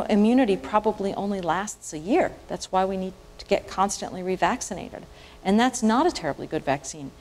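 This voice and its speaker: A woman's voice: fairly low pitch, a little mellow. Woman physician giving an explanatory lecture. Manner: explanatory, measured, restarts phrases while thinking. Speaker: physician speaker. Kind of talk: public lecture with audience Q&A. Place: university event room with audience.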